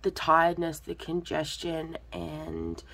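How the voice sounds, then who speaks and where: A budgeting-channel vlogger talks casually to her viewers, rambling with lots of ums while still congested and coughing after an illness, her throat a bit off. Her low voice is sing-song and fairly bright, and she takes it slowly.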